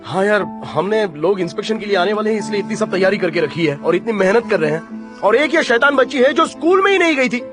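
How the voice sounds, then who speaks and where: A man dubbing a stressed young father who shouts and scolds his daughter in a TV drama. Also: high voice, lively intonation, fast talker. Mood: worried. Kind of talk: Hindi TV drama dub. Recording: dubbed dialogue over music.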